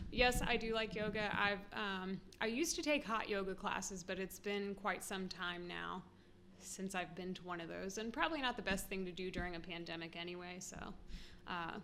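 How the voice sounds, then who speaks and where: A woman's voice: medium pitch, sharp tone, slight background noise. Giggly American woman vlogging. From United States. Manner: chatty, giggly, self-deprecating. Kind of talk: casual talk to camera.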